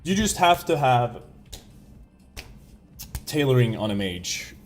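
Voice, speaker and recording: A young man talks casually through a live game stream, drifting between topics and often catching and fixing his own words. His voice sits in an ordinary middle pitch, with some soft music playing behind him. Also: big pitch swings, slow pace. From Sweden. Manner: rambling, self-correcting, chuckles often. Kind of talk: casual live-stream chat while gaming.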